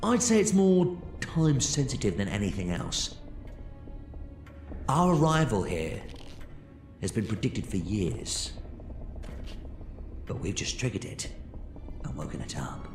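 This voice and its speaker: A man's voice: fairly low pitch, sing-song, slow, pauses often. A man acts out an eccentric, theatrical adventurer in an audio drama. His voice swoops wildly between grave protectiveness and playful glee, set in a roomy echo with music underneath. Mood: intense, knowing. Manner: theatrical, swinging from grave to gleeful.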